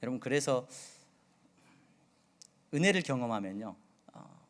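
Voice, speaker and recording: Medium in pitch, animated and a little slow, a middle-aged Jeolla-born pastor delivers a sermon in Seoul Korean with now-and-then Jeolla dialect. He asks the congregation many questions and alternates loud and quiet passages.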